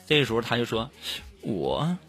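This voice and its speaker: A high-pitched man tells jokes about himself as a comedy host, laughing through his lines. His voice swings widely up and down. Light music plays behind him. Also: big pitch swings, moderate pace, fairly bright tone. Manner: chatty, self-mocking, laughing as he talks. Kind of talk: comic monologue with jokes.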